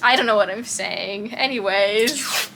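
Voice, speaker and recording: A woman's voice: medium pitch, measured pace, noisy background. A young woman from Texas with a light Texan accent, rambling in casual chat in her bedroom and often losing her train of thought. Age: young adult. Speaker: vlogger.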